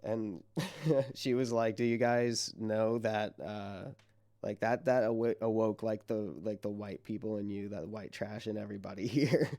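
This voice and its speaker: A man's voice: fairly low pitch, fairly even intonation, moderate pace, mellow. A tired young man co-hosting a casual podcast, rambling loosely with laughs and swearing, his voice a little strained. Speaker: podcast co-host. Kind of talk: casual chat.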